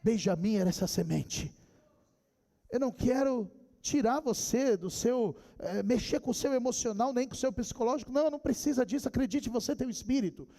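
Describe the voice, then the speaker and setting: A very high-pitched man with a Brazilian Portuguese accent delivers an impassioned sermon. His voice climbs to shouts on quoted lines. The sound rings with the long reverb of a church hall. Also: brisk. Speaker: pastor.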